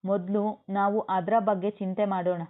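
A woman voicing a steady grown man who urges action with firm, practical persuasion. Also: mid-range voice, normal speed, lightly acted. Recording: tinny phone-like audio.

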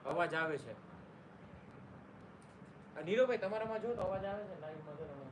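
A man's voice: sits high, expressive, normal speed. A man hosting a casual live stream, greeting viewers by name and joking along. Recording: noisy room ambience.

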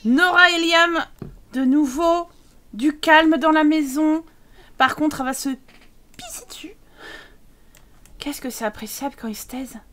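A woman's voice: high-pitched, moderate pace, fairly bright tone. A woman commenting on her video game, exclaiming and teasing the characters with mock exasperation and frequent laughter. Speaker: let's play gamer.

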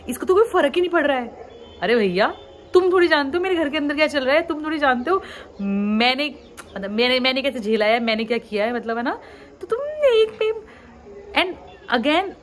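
A woman's voice: a little high, a little hiss or hum. A young woman in her twenties from the Uttarakhand hills, venting frankly to her viewers, frustrated, mixing English phrases into her talk. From Uttarakhand, India. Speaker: vlogger. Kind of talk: candid talk to camera.

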